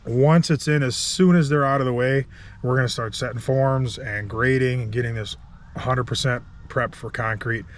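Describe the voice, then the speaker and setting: A man's voice: mid-range voice, steady tone, moderate pace, a little hiss or hum. A man in his thirties, a contractor vlogging casually from an outdoor building site, telling a story with a chatty, laughing manner. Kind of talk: casual vlog talk to camera.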